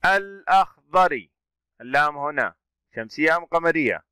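Male teacher, bright animated delivery, slow letter-by-letter drill, questions and praise. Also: medium pitch, smooth, no echo. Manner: slow, sounding out letters and vowels one by one; asks questions and praises pupils. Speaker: Arabic teacher. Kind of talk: classroom reading drill.

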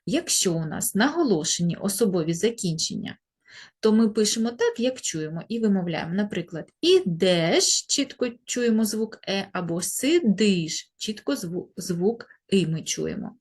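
Primary teacher, female, husky tone, patient lesson delivery with stretched-out example words. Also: mid-range voice, lively intonation, moderate pace, a little mellow. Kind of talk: grammar lesson for children.

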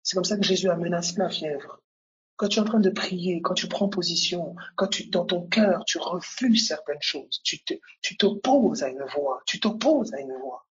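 A man's voice: high voice, moderate pace, husky, muffled recording. A man preaching a sermon, repeating key phrases and growing more emphatic as he goes.

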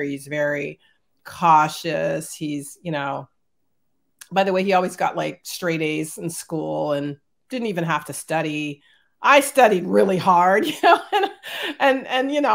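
A middle-aged woman, an executive, telling childhood stories as an interview guest over a video call, animated and laughing often. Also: on the low side, gravelly. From born in Germany, raised in Northern California. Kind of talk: casual storytelling.

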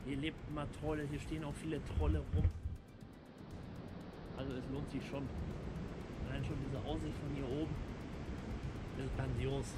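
A man's voice: a little high, normal speed, long pauses. Chatty man vlogging outdoors over music. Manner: chatty, relaxed, dry humor. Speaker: travel vlogger. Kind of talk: casual travel vlog. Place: outdoors on a coast and mountain viewpoint, later in a car. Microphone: camera held at arm's length. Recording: music laid under the voice. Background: background music.

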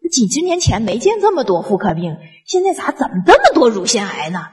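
A woman addresses an audience. She tells personal stories in a colloquial, animated way, acting out dialogue and often restarting her sentences. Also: on the high side, brisk. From northeast China. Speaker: public speaker on traditional culture. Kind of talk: storytelling talk to an audience.

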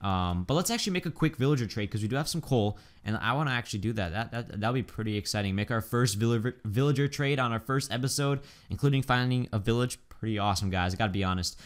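A man's voice: mid-range voice, lively intonation, fast, few pauses. A man giving casual, chatty let's-play commentary, upbeat and full of ums and likes. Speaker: gaming YouTuber.

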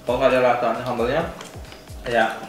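A man's voice: medium pitch, flat delivery, a little fast. Young man eating, distant roomy sound. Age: young adult. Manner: talking with mouth full while eating. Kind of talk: casual food challenge chat while eating. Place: indoor room at home, at a table. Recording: roomy, distant mic, music behind.

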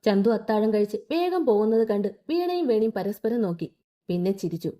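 A woman's voice: mid-range voice, big pitch swings, brisk, warm tone. A woman narrating a story expressively and voicing all the characters herself.

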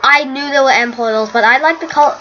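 Young female gaming vlogger, high voice, unhurried, rambly, dull lo-fi mic. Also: pushed and bright. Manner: rambling, easily startled, chatty. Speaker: gaming YouTuber. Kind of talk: casual gameplay commentary.

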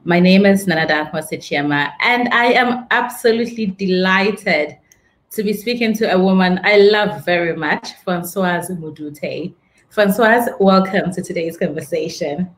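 Effusive woman host, low voice. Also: unhurried. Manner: effusive, praising, laughs often. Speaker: interview host. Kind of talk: casual video-call interview. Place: indoor office with a frosted glass wall. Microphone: video call.

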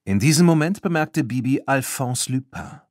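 A man narrating a children's audiobook in a lively, expressive storytelling manner. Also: medium pitch, normal speed, dry recording, studio quality. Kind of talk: scripted narration.

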